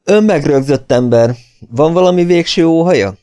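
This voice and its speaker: A man's voice: fairly high pitch, warm tone, no echo, voice pushed up, natural voice. A man voicing a haughty, stiff prison warden in an audiobook, speaking in a pompous, formal way.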